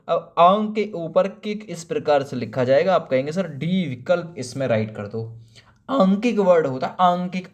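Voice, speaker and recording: A man with a slightly raised, friendly voice leads an exam-prep spelling lesson. He goes through each option, answers his own rhetorical questions, and slows to spell tricky words out piece by piece. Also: sits high, a little mellow. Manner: familiar, calls viewers friend and brother. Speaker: teacher.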